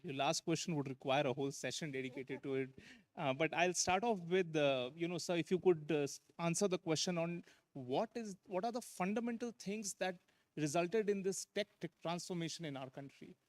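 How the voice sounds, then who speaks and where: A man's voice: on the high side, fairly quick. A man moderating a conference panel discussion, hesitant and full of fillers. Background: conference hall.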